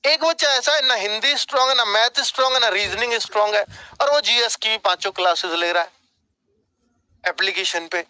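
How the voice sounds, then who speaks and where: A man's voice: high voice, fairly quick, sharp tone, clean tone, dry recording, rough recording. A man teaching as an exam coaching instructor, giving direct, scolding study advice and often checking "ठीक है?" with his students. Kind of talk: motivational advice lecture.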